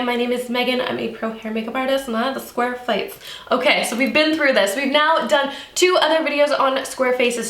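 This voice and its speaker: An upbeat young woman talks through a casual beauty tutorial in a fairly high voice. She is earnest and chatty, and the room gives her voice an echoey ring. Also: fairly bright tone. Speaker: makeup artist and beauty vlogger.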